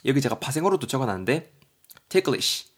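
Male teacher, husky and animated, jokey podcast lesson. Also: mid-range voice, normal speed. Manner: lively, jokey, spells words letter by letter. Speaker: English vocabulary teacher.

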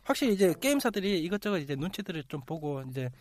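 A man's voice: high voice, sing-song, fast talker. A man hosting a casual podcast chat, laughing often and sometimes mimicking other people. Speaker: podcast host.

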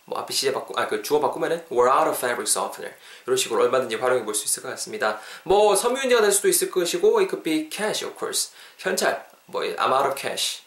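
A man's voice: mid-range voice, a bit bright, reverberant. A male podcast host giving an English lesson, coaching listeners to repeat phrases after him in an upbeat, encouraging way.

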